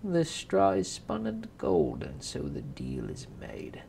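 A man voicing a sly little male imp who bargains, speaking slowly and teasingly in a bedtime story. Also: extremely low pitch, wildly swooping pitch, vocal fry, darkish tone, a little hiss or hum, pitched below the performer's own voice, heavily acted.

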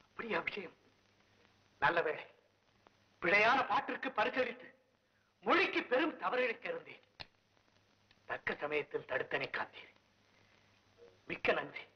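An actor playing a dignified male king in a 1960s film, making slow, formal pronouncements. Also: sits high, very animated, husky, full character voice. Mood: grateful. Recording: dull old film soundtrack.

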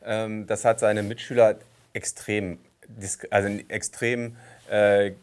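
A man, an investigative journalist, telling stories in a casual podcast chat with lively hesitations. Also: on the low side, takes it slowly.

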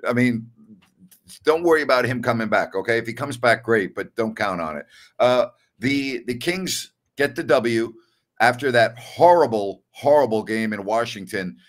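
A man's voice: mid-range voice, animated, moderate pace. An older man hosting a postgame basketball talk show over a video call, emphatic and opinionated, repeating his key words. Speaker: sports talk host.

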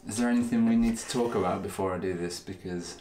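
Deep-voiced chatty man, echoey room. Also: fast talker, dark tone, a little hiss or hum. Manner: chatty, self-deprecating, talks with mouth full. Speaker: channel host. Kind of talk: casual chat while eating.

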